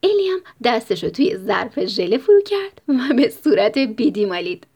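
A woman reading a bedtime story with a husky, breathy voice. Her pitch swings expressively and she often slips into a whisper. She speaks gently to young listeners. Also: big pitch swings.

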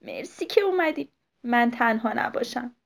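Woman doing a sweet lonely old lady, soothing, wise, soft-spoken. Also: fairly high pitch, expressive, creaky. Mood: kind. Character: kind, lonely old woman on a park bench.

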